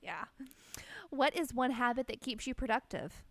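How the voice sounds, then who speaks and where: A woman's voice: a little high, expressive, normal speed, gravelly, fairly bright tone, dry recording. A woman co-hosting a podcast, asking questions in casual chat and affirming the guest enthusiastically. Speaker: podcast co-host.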